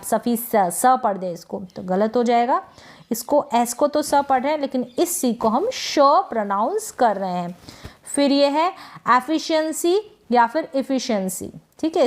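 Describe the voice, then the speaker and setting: A woman teaching English pronunciation as a lesson, explaining rules and asking and answering her own questions. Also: fairly high pitch. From India. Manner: slow, careful spelling-out of sounds.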